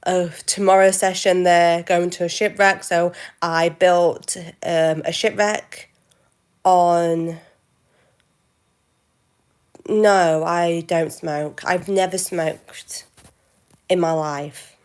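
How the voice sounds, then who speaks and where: Slow-talking woman in her twenties. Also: on the low side, steady tone, smooth. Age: 20s. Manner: halting, self-correcting, with soft asides. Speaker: livestreamer. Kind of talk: casual live Q&A chat.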